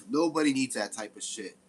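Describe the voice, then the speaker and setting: A man's voice: medium pitch, noisy background. A man giving casual, rambling gameplay commentary, swearing often. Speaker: game streamer.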